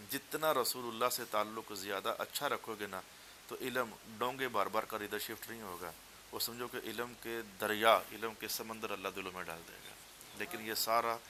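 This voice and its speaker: Man, Punjabi accent, classroom teacher, clear bright tone, faint hiss, repeats words and chants verse. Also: lowish voice. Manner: explains step by step, repeats words, chants Persian verse slowly and loudly. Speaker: teacher of a Persian text class. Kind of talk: classroom lesson. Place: classroom with students.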